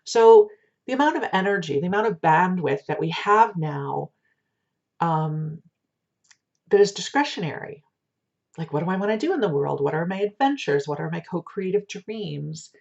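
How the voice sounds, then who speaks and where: A woman giving a casual spiritual card reading like a fortune teller, talking in a conversational, gently reassuring way. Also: on the low side. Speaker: oracle card reader. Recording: dull lo-fi sound.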